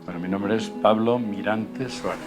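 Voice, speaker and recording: An older man from Spain telling his story as an interviewee, halting and repeating words. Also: lowish voice, steady tone, music in the background. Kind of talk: personal recollection. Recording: roomy, from a distance.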